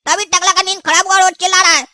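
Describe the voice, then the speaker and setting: A woman's voice: very high-pitched, flat delivery, rapid-fire. A woman voicing a hot-tempered young son in a cartoon, hurling insults. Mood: indignant. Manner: rude, shouting insults. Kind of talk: cartoon dubbing.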